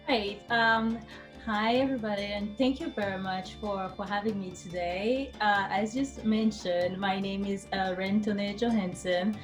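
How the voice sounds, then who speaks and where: Halting woman from Cameroon, aerospace engineer. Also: mid-range voice, fairly even intonation, faint music behind. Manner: halting, many uh fillers. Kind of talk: online panel introduction.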